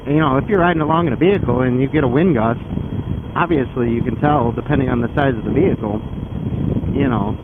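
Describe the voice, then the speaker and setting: A man's voice: mid-range voice, fast. Man vlogging through thin, very noisy audio. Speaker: motorcycle vlogger. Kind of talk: casual explanatory vlog while riding. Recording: phone-like band, loud wind and engine noise. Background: loud vehicle and outdoor noise.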